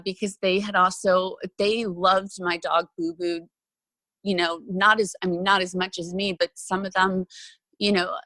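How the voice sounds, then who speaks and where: A woman speaks as a podcast guest in an easy, open, chatty way, often stopping for fillers. Her voice sits on the low side for a woman. The recording is dry and close, with no room sound. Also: a bit bright, no echo. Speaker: podcast guest, actress and former TV reporter. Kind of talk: casual interview conversation.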